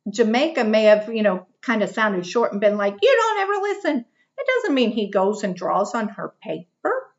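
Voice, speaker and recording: A woman teaching a lesson to young children, reading a picture book aloud and asking questions she answers herself. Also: mid-range voice. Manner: animated, asks questions and answers them herself. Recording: dull lo-fi recording.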